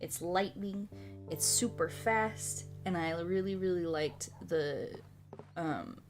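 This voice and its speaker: Speaking slowly in a low register, this live streamer chats casually with her gaming audience. Her talk wanders, circles back on itself, and is full of swearing, all over background music.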